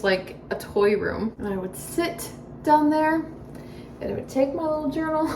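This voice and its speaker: A fairly high-voiced woman chats to her viewers about daily life, talkative and openly dramatic, breaking into laughter often. She is a stay-at-home mom filming in her home kitchen. The sound is roomy and echoey, with her voice picked up from a few feet off the mic. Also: distant mic. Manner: chatty, self-described dramatic, laughs often. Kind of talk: casual chat to camera. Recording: echoey room, voice off-mic, faint background noise.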